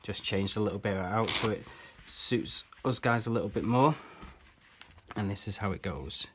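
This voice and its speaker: Male magician, low-pitched, chatty and rambling, storytelling patter over a card trick, faint hiss behind. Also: moderate pace. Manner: chatty, rambling, strings quotes with "he says".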